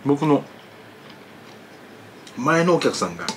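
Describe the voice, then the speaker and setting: A man's voice: on the high side, sing-song, slow pace, a little hiss or hum. Chatty man telling stories over a meal. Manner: chatty, rambling storyteller with asides. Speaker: food vlogger. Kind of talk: casual chat while eating.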